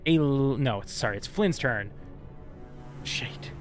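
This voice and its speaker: A man narrating a tabletop game as game master in casual, halting, improvised phrases. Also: mid-range voice, lively intonation, soft background music.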